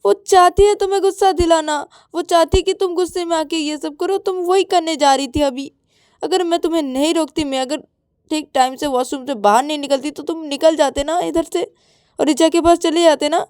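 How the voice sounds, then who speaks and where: A woman's voice: high voice, fairly even intonation, brisk, a little mellow, dry recording, studio quality, lightly acted. A woman voicing a clingy, tearful young woman who stammers and repeats her words. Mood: scolding.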